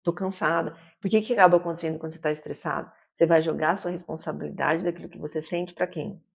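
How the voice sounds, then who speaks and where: Fast-talking low-voiced woman in her fifties. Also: creaky, breathy edge. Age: 50s. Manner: lively storyteller who acts out quoted dialogue. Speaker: psychiatrist guest. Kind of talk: casual interview conversation. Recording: muffled lo-fi recording.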